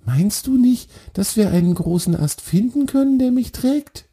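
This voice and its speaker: A man voicing a dreamy, gentle young male deer in a children's story, in a high, soft and wistful voice. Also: animated, moderate pace, husky, heavily acted.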